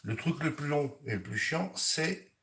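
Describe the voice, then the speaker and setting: A man's voice: fairly high pitch, lively intonation, a little slow, fairly bright tone. A man hosting a casual home cooking live stream from his kitchen, rambling and chatting with his viewers and his pets. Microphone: camera on a hanging mount.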